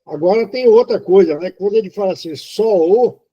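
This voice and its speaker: A man from Brazil giving an informal spoken lesson on poetry, halting and explanatory, with many fillers and restarts. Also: high-pitched, lively intonation, dark tone, husky. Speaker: poetry teacher. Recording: dull lo-fi recording.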